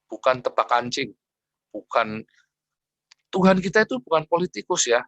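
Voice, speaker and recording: Animated, gravelly-voiced preacher man. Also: medium pitch, normal speed, dry recording. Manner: animated, swings between loud emphatic lines and quiet asides; acts out quoted people in a raised voice. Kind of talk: sermon.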